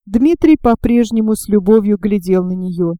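A woman narrating a historical novel as an audiobook, in a measured, expressive manner. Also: medium pitch, dry recording, lo-fi sound.

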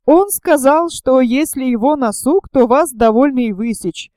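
Blunt scheming young man in an audiobook, curt and rough, read by a woman, mellow and dry. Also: high-pitched, expressive, measured pace, dry recording.

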